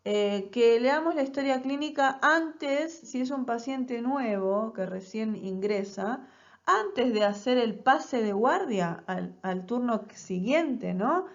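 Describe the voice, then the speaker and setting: A woman's voice: on the high side, lively intonation, slow pace, muffled recording. A woman teaching a recorded nursing class, explaining step by step and often checking in with rhetorical questions. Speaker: nursing lecturer.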